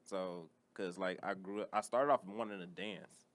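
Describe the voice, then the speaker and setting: A man talking as a podcast guest, telling personal stories in a casual, halting way. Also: low voice, steady tone.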